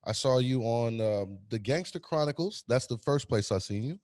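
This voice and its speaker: A man's voice: medium pitch, expressive, normal speed, darkish tone, dry recording. A man co-hosting a podcast, asking a guest about her life in a chatty way with frequent restarts. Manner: chatty, stumbling restarts and laughs. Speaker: podcast co-host. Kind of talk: casual interview hosting.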